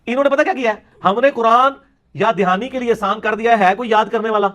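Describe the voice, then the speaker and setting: A man's voice: very high voice, a bit bright. A man giving a polemical religious lecture, mocking his opponents and dropping into quips. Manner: sarcastic, mocking, lapses into Punjabi quips. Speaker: religious speaker.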